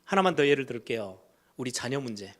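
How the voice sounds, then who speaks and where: A middle-aged man, a pastor, preaching a sermon in a storytelling way, swinging between loud emphatic lines and hushed low ones. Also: lively intonation, fairly quick. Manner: storytelling, acts out quoted voices of kids and parents.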